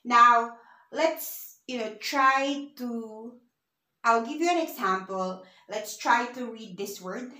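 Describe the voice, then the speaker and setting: A woman with a fairly high voice leads a beginner language lesson and speaks slowly and patiently. She spells out letters and sounds one by one. The recording has the roomy echo of a bare space. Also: pushed and bright. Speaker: language teacher. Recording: echoey room.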